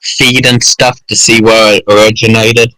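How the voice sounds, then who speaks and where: A man's voice: fairly low pitch, little pitch movement, normal speed, sharp tone, no room sound, poor audio. A man playing a tabletop role-playing game, chatting casually and joking. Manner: jokey, easily confused.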